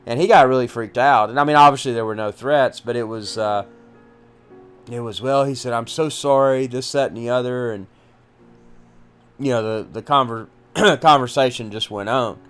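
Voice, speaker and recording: A man hosting a podcast, telling his own story in a casual, halting way with many restarts. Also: medium pitch, a bit bright, clear, resonant tone, faint music behind. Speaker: podcast host recounting personal story. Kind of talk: casual first-person storytelling.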